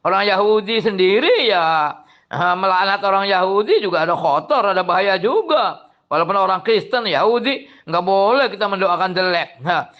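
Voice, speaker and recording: A man with a Cirebon Javanese-tinged accent, reading a classical religious text aloud and explaining it to students in an animated way, exclaiming and chuckling often. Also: high voice, moderate pace, lo-fi sound. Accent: Cirebon Javanese-tinged Indonesian. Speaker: Islamic boarding school teacher.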